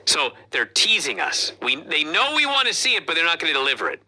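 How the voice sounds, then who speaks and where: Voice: mid-range voice, brisk. A podcast co-host giving a casual wrestling review, retelling the match play by play with lots of swearing. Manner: profane, animated play-by-play retelling.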